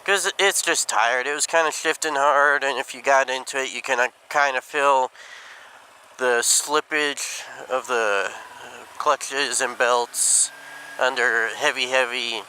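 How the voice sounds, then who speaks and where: A man talking casually and haltingly inside a helmet while riding a motorcycle, thinking aloud like a vlogger. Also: mid-range voice, bright, forceful tone, poor audio. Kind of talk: casual rambling motovlog talk. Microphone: mic inside helmet. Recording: helmet mic, clear road and engine noise.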